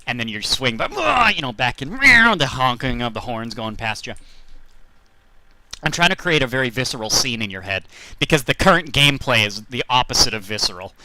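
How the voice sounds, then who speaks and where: This driving-game streamer rambles happily through self-deprecating, jokey stories in casual commentary for his viewers. His medium-pitched voice is pushed and bright with lively intonation, fairly quick, and free of echo.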